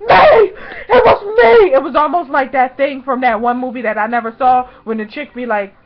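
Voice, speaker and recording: A woman vlogger telling a personal story in an excited, gushing way, full of "like" and "y'all". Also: high-pitched, a little fast, very noisy. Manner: gushing, breathless, lots of "like" and "y'all". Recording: dull lo-fi recording.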